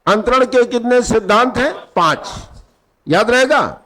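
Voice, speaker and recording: A man's voice: extremely high pitch, expressive, slow pace, fairly bright tone, poor audio. A male teacher giving an exam-prep lecture with a Hindi accent, quizzing his students and repeating the key terms.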